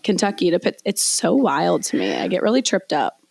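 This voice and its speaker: A young woman co-hosting a podcast, telling stories in a chatty, animated way with many fillers. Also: fairly low pitch, fairly quick, gravelly, dry recording. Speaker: podcast co-host. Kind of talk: casual chat.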